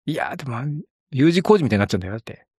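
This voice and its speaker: A man's voice: mid-range voice, big pitch swings, racing, darkish tone, breathy edge, no room sound, clean studio sound. A man co-hosting a casual podcast chat, thoughtful and a bit hesitant in his phrasing. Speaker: podcast co-host.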